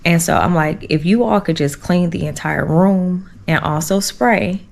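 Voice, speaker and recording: A woman's voice: lowish voice, unhurried, vocal fry. A woman vlogger telling a story casually and with animation, exasperated and slangy, talking straight to her viewers.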